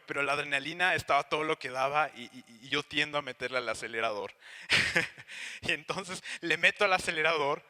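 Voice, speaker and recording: Young Mexican male preacher, animated storyteller, very bright tone, fairly high pitch. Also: in a large hall. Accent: Mexican Spanish. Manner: animated storytelling, acts out voices and sounds. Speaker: pastor. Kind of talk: sermon with personal story.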